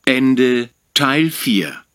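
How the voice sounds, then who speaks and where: A man reading exam instructions in a slow, measured and formal way. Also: mid-range voice, big pitch swings, music in the background. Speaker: exam announcer.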